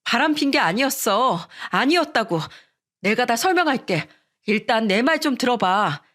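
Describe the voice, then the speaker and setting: A woman's voice: on the high side, expressive, moderate pace, a bit bright, pitched above the performer's own voice. A woman voicing a cheating ex-wife who stammers and defends herself in a radio story. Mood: flustered pleading.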